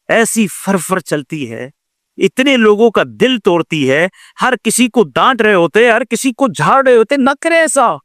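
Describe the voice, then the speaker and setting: An older male preacher delivering a fervent sermon in a fairly high voice. His delivery swings between urgent appeals and hushed pleading, with English words slipped into the preaching. The recording is close and dry. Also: no room sound. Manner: impassioned, mixes English words into Hindustani preaching.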